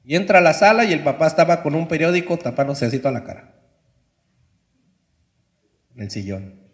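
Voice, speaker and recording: A male pastor telling a story in a sermon, dramatic, swinging between loud and soft. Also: fairly high pitch, lively intonation, a little fast.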